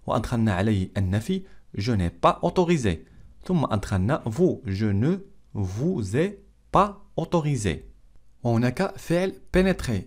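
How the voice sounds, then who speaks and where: A man teaching French who says each phrase slowly, then breaks it down. His voice moves up and down in a lively, animated way. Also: mid-range voice. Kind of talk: language lesson explaining phrases.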